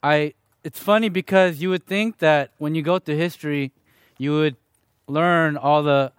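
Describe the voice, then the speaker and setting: A young man from Chicago with a slightly higher voice that sounds smooth and crisp. He speaks earnestly and conversationally, with some self-deprecation, as he shares his testimony with a church audience. The sound is dry and close to the microphone. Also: measured pace, dry recording. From Chicago, Illinois, USA. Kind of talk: personal testimony talk to a church gathering.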